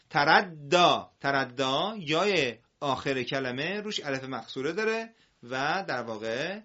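A man teaching Quran reading on a broadcast, explaining patiently, asking students questions and drawing words out slowly. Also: a little high, pushed and bright, highs cut off.

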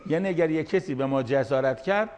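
An older man, nearly seventy, delivers a sermon-style lecture to a gathered audience. His voice sits a little higher than most men's. He reads out scripture and then explains each line in plain, everyday words. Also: darkish tone. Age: late 60s. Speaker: cleric speaking to an audience of managers.

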